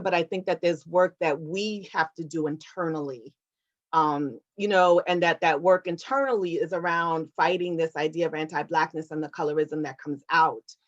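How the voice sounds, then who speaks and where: This woman speaks in a fairly low voice through lo-fi sound. She is a Puerto Rican activist who has received an award, giving a thoughtful, sincere conversational answer during an online talk and frequently tossing in "right?".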